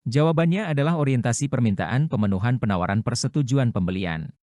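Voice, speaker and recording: A man reading practice quiz questions and their answers aloud in a measured, steady way. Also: mid-range voice, dry recording, studio quality.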